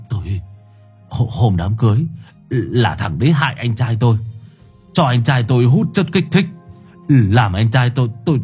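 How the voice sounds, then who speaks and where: A husky-voiced man voicing a beaten middle-aged man who stammers and begs for mercy. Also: mid-range voice, darkish tone. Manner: stammering, pleading.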